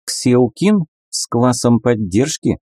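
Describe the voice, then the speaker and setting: Man playing a composed young woman, practical and brisk, read in an audiobook. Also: medium pitch, animated, dark tone, no room sound, clean studio sound, voice pushed up. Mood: questioning.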